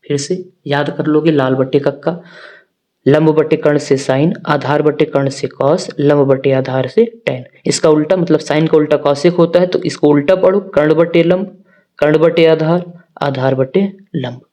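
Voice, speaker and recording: Mellow-voiced male maths teacher, quizzing students. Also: fairly high pitch, steady tone, a little slow. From northern India. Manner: talks directly to students, asking questions and answering them himself. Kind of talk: classroom-style maths lesson.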